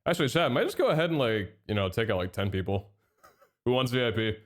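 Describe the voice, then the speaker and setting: Medium-pitched and fast, a young streamer with a head cold sounds slightly nasal as he chats live. He reads out chat messages and thanks subscribers in a chatty, excitable way.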